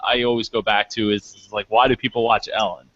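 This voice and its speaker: A man's voice: on the low side, flat delivery, fast, fairly bright tone, no echo. A man hosting a casual online round-table discussion, talking in a rambling way with many restarts. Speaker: podcast host. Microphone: online call microphone. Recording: dull lo-fi call audio.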